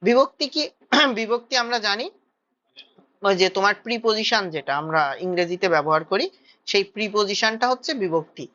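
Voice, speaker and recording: A woman's voice: mid-range voice, brisk, a bit bright, lo-fi sound. A woman teaching a grammar lesson for exam preparation, explaining step by step and checking that students follow.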